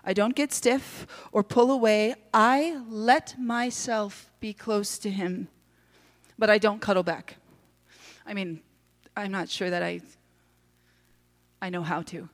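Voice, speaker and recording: A woman's voice: medium pitch, steady tone, slow, pauses often, long reverb tail. A woman from the United States telling a personal story live in a wry, self-deprecating way that halts at tender moments.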